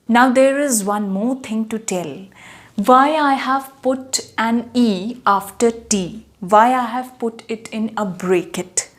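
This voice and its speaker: Slow, high-voiced woman teaching French. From India. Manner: repeats words slowly, spells them out. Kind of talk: slow, patient language lesson.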